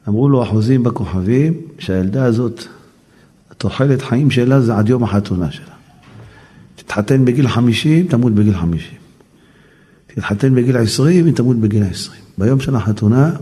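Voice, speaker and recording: A male rabbi tells a Talmud story as a lesson. He quotes the Aramaic and then explains it in lively storytelling. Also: fairly low pitch.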